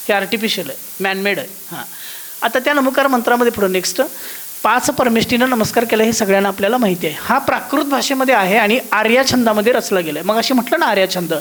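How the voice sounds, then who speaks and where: The recording is rough, and the man's thin voice is extremely high with a fairly bright tone. He teaches a devotional course, regularly asking whether listeners follow and singing out musical notes as he goes.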